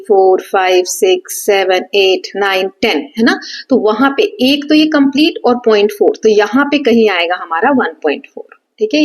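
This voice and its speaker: Hindi-English teacher explaining fractions. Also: female voice, mid-range voice. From India. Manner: explains step by step, often checks understanding; mixes Hindi with English terms. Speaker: maths teacher. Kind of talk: exam revision lesson at a whiteboard.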